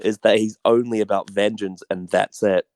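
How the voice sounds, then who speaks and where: Lower-voiced man in casual chat. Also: fairly even intonation, normal speed, a loud crowd. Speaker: podcast co-host.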